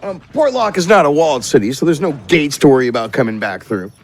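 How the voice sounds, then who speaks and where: Talking fast and very animated in a slightly high voice, a man serves as game master for a tabletop fantasy game, improvising descriptions conversationally as he feels his way through them. Music runs under his voice, along with a little hiss or hum.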